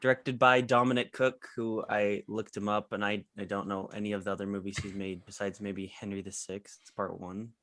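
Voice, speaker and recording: A young man hosting a casual movie podcast, laid-back and tending to trail off quietly. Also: lowish voice, flat delivery, normal speed, few pauses. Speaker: podcast host. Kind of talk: casual chat.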